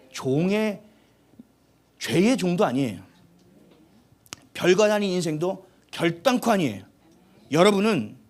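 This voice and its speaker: A male pastor preaching a sermon in an animated, humorous, exhorting way. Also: sits high.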